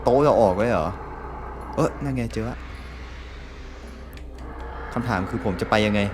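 A man's voice: medium pitch, a little slow, a little mellow, a little hiss or hum. A man from Thailand giving jumpy, exclaiming commentary over a horror game, swearing often. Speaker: gameplay streamer.

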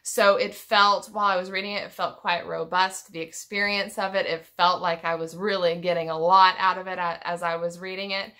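A woman's voice: fairly low pitch, flat delivery, brisk, hardly any pauses, bright, forceful tone. A woman in her thirties chatting unscripted on a home vlog, thoughtful and rambling, often restarting her sentences. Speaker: book vlogger. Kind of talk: unscripted book tag vlog. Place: home room with packed bookshelves.

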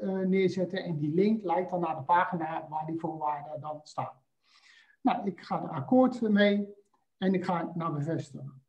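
Hesitant man giving a software walkthrough. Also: high-pitched. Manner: hesitant, frequent filler sounds. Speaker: presenter demonstrating software. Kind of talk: screen-share software walkthrough. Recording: slightly dull lo-fi audio.

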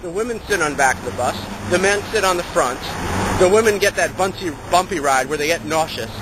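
A man's voice: sits high, lively intonation, a little fast. A young man giving a rambling, wry satirical rant to a handheld camera outdoors, in the manner of a mock street report. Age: young adult. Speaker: vlogger. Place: outdoors on a busy city street. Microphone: handheld camera at arm's length. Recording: loud city street traffic noise.

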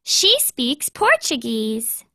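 A bright, upbeat young friend in a scripted textbook dialogue. The voice sits high and lively, speaks slowly, and sounds dry and close. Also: female voice, vocal fry, dry recording, full character voice. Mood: cheerful.

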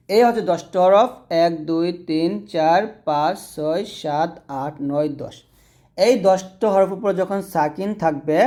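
A man teaching Quran reading, spelling out syllables slowly and then explaining in quick bursts. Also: fairly high pitch, dark tone. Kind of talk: recorded lesson.

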